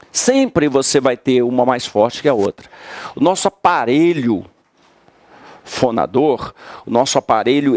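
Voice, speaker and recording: A man's voice: fairly high pitch, dry recording, studio quality. A man with a Brazilian accent teaching a class, emphatic, repeating key words and quizzing his students. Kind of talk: classroom lecture.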